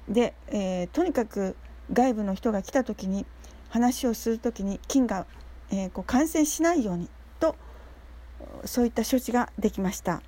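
Woman, fairly high but mellow voice, earnest and halting delivery, speaks with fillers. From Nagasaki, Japan. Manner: earnest, halting, searching for words. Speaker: speaker sharing a personal story. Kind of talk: prepared personal talk with frequent fillers.

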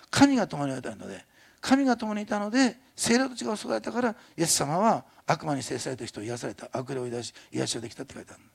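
An older pastor delivers a sermon in a chatty, animated way, frequently tacking on tag questions and breaking into laughter. His voice sits on the high side and sounds creaky and husky.

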